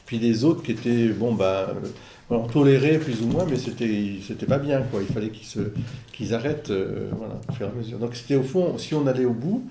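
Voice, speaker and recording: Priest thinking out loud, lots of stalls, echoey room, faint hiss. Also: mid-range voice, fairly quick. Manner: reflective, hesitant with repeated words. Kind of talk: conversational commentary.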